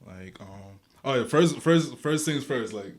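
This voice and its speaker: With lively intonation and a mid-range voice, a young rapper from Guatemala talks a little slowly as an interview guest. His speech is loose and slangy, peppered with fillers and restarts.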